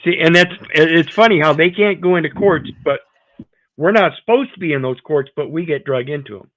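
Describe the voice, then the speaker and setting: A man's voice: fairly high pitch, fairly quick, a bit bright, no echo. A man hosting an informal panel discussion, blunt and emphatic, often repeating himself. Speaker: panel host. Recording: narrow phone-like line, dry.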